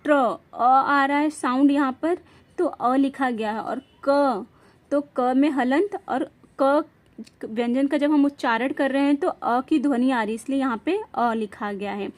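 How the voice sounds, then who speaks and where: A woman's voice: sits high, measured pace. A woman teaching a grammar lesson, spelling out words letter by letter and asking questions she then answers herself. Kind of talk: classroom-style grammar lesson.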